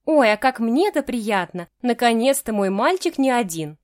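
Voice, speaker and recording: A woman's voice: a little high, sing-song, moderate pace, no room sound, clean studio sound, pitched above the performer's own voice. Woman doing a gushing doting mother in her sixties. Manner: gushing, exclamatory.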